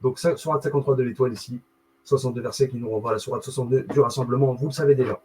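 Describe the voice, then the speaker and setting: A man's voice: medium pitch, steady tone, rapid-fire, warm tone, breathy edge, poor audio. A man hosting a live video, reading a text aloud and commenting on it, full of fillers, restarts and self-corrections, with wry asides.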